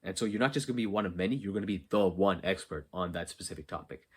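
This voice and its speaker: A man's voice: low voice, fast, husky. A man hosting a solo podcast from an unfinished basement, talking earnestly and emphatically, asking questions and answering them himself. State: just after working out. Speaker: podcast host. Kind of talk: solo motivational podcast talk.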